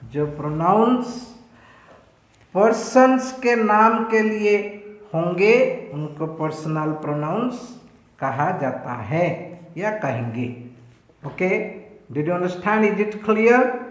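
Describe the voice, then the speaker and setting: An Indian man teaching a grammar lesson at a very slow, dictating pace. His voice sits high, and he repeats each definition before asking whether it is clear. The sound is echoey, like a bare room. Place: online class recording in a room.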